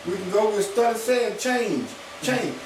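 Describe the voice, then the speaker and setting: Male radio panelist, high-pitched and emphatic, heavy echo around him. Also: expressive, measured pace. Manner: emphatic, repeats phrases for stress. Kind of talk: opinionated political discussion. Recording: very echoey, distant, noisy radio.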